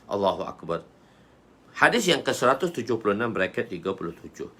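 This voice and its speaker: Animated Malaysian Malay religious teacher. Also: male voice, lowish voice, brisk, husky. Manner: animated, acts out quoted speech. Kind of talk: hadith book lesson.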